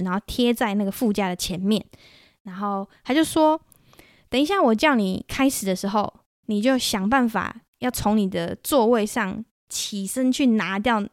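A woman from Taiwan with a Taiwanese Mandarin accent, hosting a solo podcast in an animated, chatty storytelling way. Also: on the high side, dry recording, studio quality. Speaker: podcast host.

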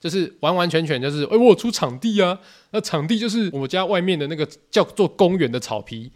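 A young man with a Taiwanese Mandarin accent and a slightly high voice hosts a podcast, telling a story in a lively, casual, animated way. He acts out other people's lines, quoting them in shifting voices.

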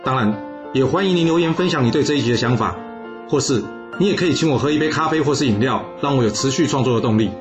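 Fast host over guitar. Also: male voice, medium pitch, expressive. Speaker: podcast host. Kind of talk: podcast outro. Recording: dull lo-fi with guitar music.

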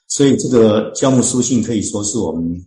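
A low-voiced man speaks as a church deacon explaining scripture in an interview. He talks earnestly, pausing on long fillers and restarting phrases as he thinks. The recording carries a noticeable echo from the room. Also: animated, warm tone. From Chinese-speaking, living in Canada.

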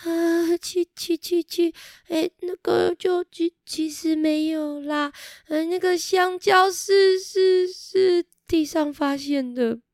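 A woman's voice: very high-pitched, steady tone, slow, a little mellow, no room sound, studio quality, voice pushed up, heavily acted. A woman voicing a timid, boastful young male beetle who stammers and whimpers. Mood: sheepish.

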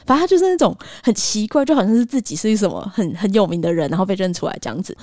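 A woman in her thirties with a Taiwanese Mandarin accent tells a story in a quick, lively chat. Her tone is mellow and dark, with a very animated, wide-ranging pitch. She puts on voices for the people she quotes, in a dry, close room. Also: dry recording. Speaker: podcast co-host.

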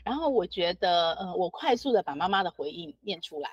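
Husky-voiced woman hosting a chatty podcast. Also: fairly low pitch, sing-song, brisk, no room sound, dull audio. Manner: chatty, reads out listener comments with laughs. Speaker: podcast host. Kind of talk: casual podcast interview.

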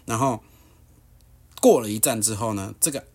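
A man's voice: lowish voice, moderate pace, a little mellow, breathy edge. A young man with a Taiwanese Mandarin accent, a podcast host telling a heated story and ranting bluntly. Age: young adult.

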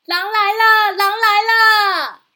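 A bright, piercing little shepherd boy in a children's storybook, prankish and shouty, as a woman puts him on. He yells loud and high above the narration. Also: steady tone, slow, heavily acted. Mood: panicked shouting. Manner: shouting, laughing teasingly. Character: mischievous young shepherd boy.

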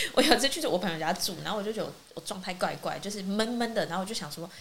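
A woman co-hosting a casual podcast chat, telling a lively story and acting out what her friends said. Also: mid-range voice, rapid-fire. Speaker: podcast co-host. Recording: faint hiss.

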